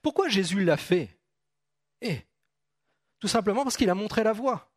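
A man with a slightly high voice gives a loose, chatty sermon, reading verses and repeating his points as he goes. The sound is close and dry, with little room echo. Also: animated, moderate pace. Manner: chatty, jokes with the congregation, repeats phrases. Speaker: pastor. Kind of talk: informal sermon with Bible reading.

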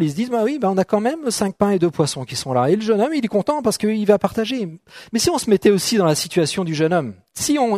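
A middle-aged man delivers a sermon in a relaxed, conversational way, often asking "d'accord?" and joking with the people in front of him. His voice sits a little high for a man, and the sound is dry and close. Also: no echo. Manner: conversational, checks in with "d'accord?", jokes with the congregation. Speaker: preacher. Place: church hall.

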